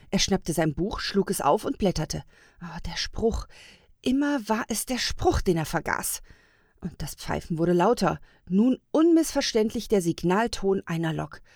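A woman narrating a fairy tale in a calm, measured reading. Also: mid-range voice, no echo, clean studio sound. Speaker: storyteller. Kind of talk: storybook narration.

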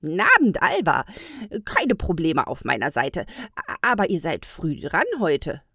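A woman's voice: wildly swooping pitch, measured pace, bright, forceful tone, breathy edge, dry recording, studio quality, heavily acted. A woman doing a grumbling old gnome man. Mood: gruff. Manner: low grumbling mutter. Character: old male gnome stationmaster, gruff and grumbling.

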